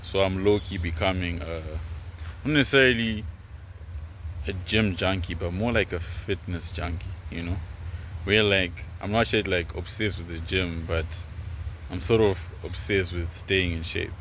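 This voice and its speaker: A man's voice: sits low, measured pace, a bit bright, poor audio. A man in his twenties from Zimbabwe, talking casually and earnestly to camera, rambling with lots of fillers. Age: 20s. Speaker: vlogger. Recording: noticeable background noise, rain.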